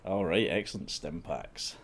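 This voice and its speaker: Male game master, very low voice, playful storyteller. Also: unhurried, vocal fry. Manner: amused, often laughing, theatrical rhyming narration. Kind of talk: narrating a tabletop game.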